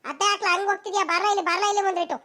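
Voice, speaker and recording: A woman voicing a quarrelsome old village grandmother in a cartoon, who scolds in a rapid village dialect and calls people over loudly. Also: very high-pitched. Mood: scheming.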